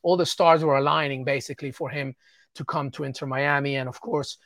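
A man's voice: medium pitch, steady tone, brisk, fairly bright tone, dry recording, clean studio sound. A man, from England, giving enthusiastic soccer analysis as an interview guest, often stammering on repeated words.

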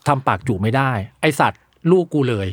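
A man's voice: medium pitch, lively intonation, fairly quick, husky, no echo, studio quality. A man, a father and podcast guest, chatting casually and bluntly, swearing freely.

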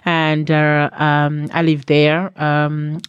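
A woman's voice: low-pitched, completely flat delivery, drawn-out words, clean tone, no room sound, muffled recording. A woman, speaking as an interview guest, hesitant and full of fillers and self-corrections. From Malawi. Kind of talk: conversational interview.

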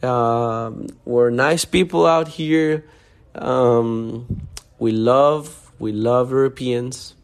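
A man's voice: medium pitch, extremely slow. Male podcast host from Honduras, mid-range voice, loose and friendly with lots of fillers. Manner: friendly, rambling, many fillers. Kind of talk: casual podcast chat. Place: Miami.

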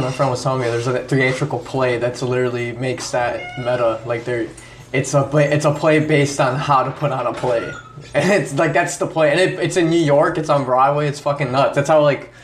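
A young man with a mid-range voice co-hosts a casual podcast. He jokes, swears freely and wanders between topics. A light hiss runs under the recording. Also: mid-range voice. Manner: joking, swearing, rambling. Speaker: podcast co-host.

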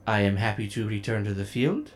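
A man's voice: lowish voice, animated, brisk. A man doing a woman's robotic voice-box speech. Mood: formal. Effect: robotic synthesized voice. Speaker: game master. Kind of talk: narrating a tabletop game.

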